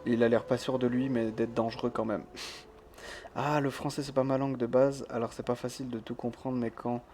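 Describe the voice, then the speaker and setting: A man's voice: medium pitch, level tone, a little fast, a little mellow, slight background noise. A male streamer who keeps his voice down, chatting casually as he plays a game and reads the chat, laughing often. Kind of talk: casual let's-play chat. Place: home room with thin walls.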